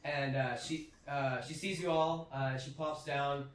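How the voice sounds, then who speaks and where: A man's voice: medium pitch, steady tone, measured pace. A man narrating a tabletop game as game master, rambling along with lots of fillers. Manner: rambling, many fillers and likes. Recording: echoey room, distant mic.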